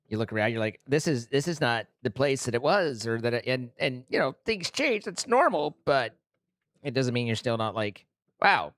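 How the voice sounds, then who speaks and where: A game streamer giving casual commentary, rambling and musing in a self-deprecating way, with a smooth voice. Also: mid-range voice, a bit bright, dry recording, clean studio sound.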